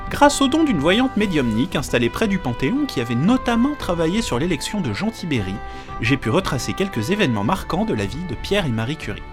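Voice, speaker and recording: A man hosting a podcast, reading a comic diary in a deadpan, absurd storytelling manner over background music. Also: on the high side, brisk. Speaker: podcast host. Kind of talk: comedic scripted narration as a diary.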